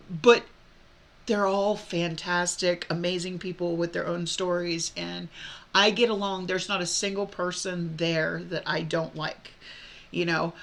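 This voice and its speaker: A woman tarot reader speaks straight to her webcam at home with a bright, forceful tone and a gravelly edge. Her talk is a casual, heartfelt monologue that rambles earnestly. She restarts her sentences often and breaks into nervous little laughs. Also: fairly low pitch. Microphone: computer webcam mic.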